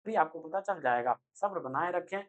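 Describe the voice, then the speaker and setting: A young man giving an energetic online chemistry lecture, speaking loudly and constantly quizzing his students with quick rhetorical questions. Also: a little high, dull audio. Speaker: chemistry teacher. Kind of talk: online exam-prep lecture.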